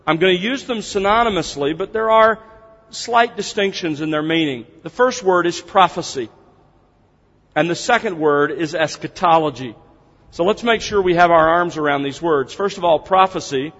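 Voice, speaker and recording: This congregation seminar, led by a man from the United States, begins with prayer before he explains things step by step, earnestly and conversationally. His voice is high-leaning and fairly bright at a normal speed, captured with dull, echoing hall acoustics.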